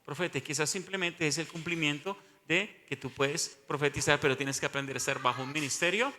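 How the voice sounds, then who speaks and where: A man's voice: on the high side, fairly quick, pushed and bright, long reverb tail, slight background noise. A male pastor, teaching a sermon and often asking the congregation questions.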